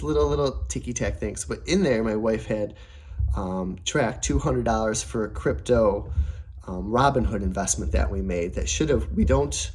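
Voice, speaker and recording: A man's voice: fairly low pitch, mellow, slightly rough. A young adult man talking casually to camera about family savings, upbeat and rambling, with many fillers and restarts. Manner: voice prone to cracking. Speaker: personal finance vlogger.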